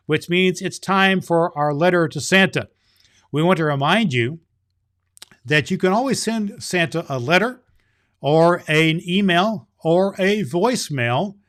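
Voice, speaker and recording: A man playing a jolly, kindly Santa Claus, hosting a children's show and reading stories in an expressive, folksy way. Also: on the high side.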